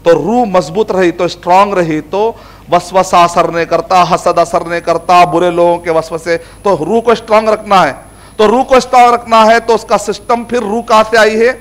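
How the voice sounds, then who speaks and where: A man teaching a religious lesson in an explanatory way. His voice sits fairly high for a man. He slips English words and recited Arabic verses into his explanations. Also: steady tone, moderate pace. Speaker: Islamic scholar teaching Quran. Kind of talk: religious lecture.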